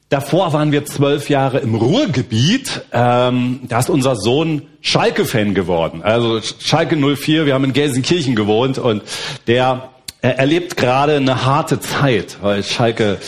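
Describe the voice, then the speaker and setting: A middle-aged man from Berlin preaching a sermon as a guest pastor, relaxed and conversational with frequent fillers. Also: medium pitch, a little slow. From Berlin, Germany.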